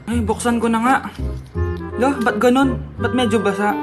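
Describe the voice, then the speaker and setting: A woman acting out loud, brash, exaggerated comedy skits. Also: a little high, steady tone, moderate pace, over loud music. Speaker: comedy sketch performer.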